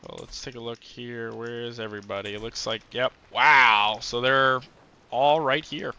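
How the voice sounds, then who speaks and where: A man's voice: medium pitch, steady tone, normal speed, gravelly, bright, forceful tone, clear, resonant tone, muffled recording. A man giving casual commentary while playing a strategy game, musing aloud with frequent fillers. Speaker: gameplay commentator.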